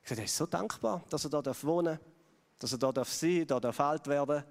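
A man's voice: a little high, fairly quick, gravelly. A man with a Swiss German accent preaching a sermon in a conversational way, putting questions to his audience. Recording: long hall reverb.

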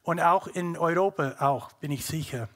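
A man's voice: fairly high pitch, normal speed, a bit bright. A middle-aged man from North America, a native English speaker with an English-speaking North American accent in German, gives a personal testimony to an audience, searching for words as he goes.

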